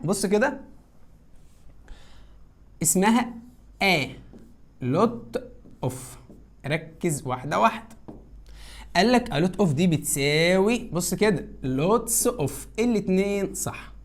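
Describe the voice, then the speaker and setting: A woman's voice: medium pitch, sing-song, normal speed. Egyptian woman teacher, drilling a grammar lesson with coaxing repeated cues. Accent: Egyptian Arabic. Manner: coaxing, repeats cues and answers her own questions. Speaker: English teacher.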